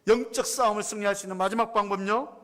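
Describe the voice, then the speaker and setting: Korean pastor guy preaching, high voice, emphatic, lots of rhetorical questions. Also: steady tone, rapid-fire, fairly bright tone. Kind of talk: sermon.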